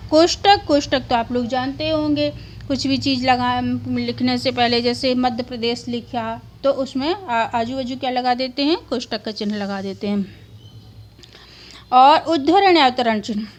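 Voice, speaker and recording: A woman with a high voice teaching a grammar lesson in a steady classroom manner. She repeats each point and answers the questions she puts to the class. A faint hiss sits under the voice. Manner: explains each point twice, asks and answers her own questions.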